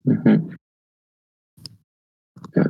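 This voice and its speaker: A man's voice: very slow, no room sound. A man chatting casually over a bad call connection that sounds tinny, swearing now and then in an easygoing way. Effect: bad call connection, tinny and cutting out. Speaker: caller joining a trading chat. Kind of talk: casual chat. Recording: tinny dry phone-like call line.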